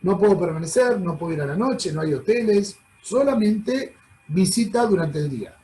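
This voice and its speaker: A man's voice: high-pitched, animated, moderate pace, mellow, a little hiss or hum, poor audio. A man with a Rioplatense Spanish accent giving a chatty, explanatory travel talk over slides, often checking in with his audience. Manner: chatty, addresses audience as "chicos"; explanatory, frequent "¿ok?" check-ins. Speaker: travel presenter.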